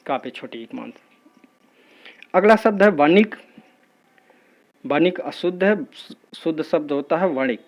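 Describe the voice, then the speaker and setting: A man teaching an exam-prep spelling lesson in a steady, patient, methodical drilling way. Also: a little high, dull audio.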